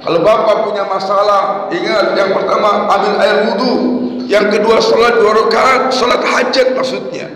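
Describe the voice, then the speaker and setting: A male preacher telling a story in a sermon, animated, acting out the prayers he narrates and addressing the congregation again and again. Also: sits high, moderate pace. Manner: keeps addressing listeners as sir and madam. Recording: strong echo with long hall reverb.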